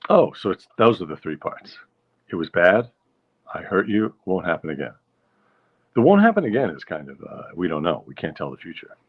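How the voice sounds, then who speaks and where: Reading out viewer comments on his casual stream, a man mulls them over with wry, easygoing humor. His low voice has a breathy edge and moves at normal speed, and the sound is dull lo-fi.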